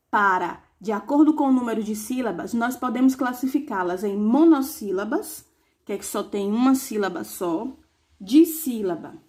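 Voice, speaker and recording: A woman teacher reviewing a lesson for young pupils, saying examples slowly and asking rhetorical questions. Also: medium pitch, darkish tone. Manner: slow, clearly spelled-out examples with rhetorical questions.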